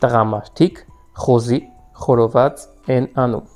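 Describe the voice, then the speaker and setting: A man's voice: medium pitch, fairly even intonation, a little slow, a little mellow, faint music behind. A man teaching vocabulary in an online lesson, patiently repeating words for learners to echo. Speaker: language teacher.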